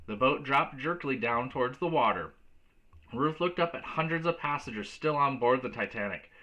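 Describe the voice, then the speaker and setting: A man reading a children's storybook aloud as a teacher, in a clear storytelling delivery. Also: mid-range voice, lively intonation, moderate pace, bright, forceful tone, lo-fi sound.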